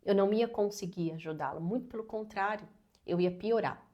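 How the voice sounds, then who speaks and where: A woman's voice: medium pitch, fairly quick, highs cut off. A woman in her thirties talking earnestly and personally as a parenting educator, with many casual fillers. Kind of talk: advice talk to camera.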